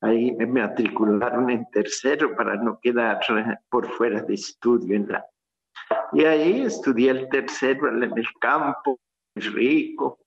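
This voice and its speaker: Telling his life story on the radio, a Colombian priest pauses often and reflects as he speaks, his voice mid-range and carried over a dull remote connection.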